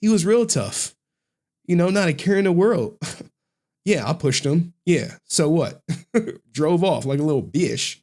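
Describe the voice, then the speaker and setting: An American man giving casual, mocking commentary, animated and often repeating phrases for emphasis. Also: a little high, unhurried, long pauses. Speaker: online commentator.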